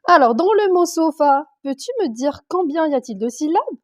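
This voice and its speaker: Primary school teacher, female, slightly high voice, patient and deliberate, breaks words into sounds. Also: animated. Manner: slow, clear, sounding out letters and syllables for young children. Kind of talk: primary school reading lesson.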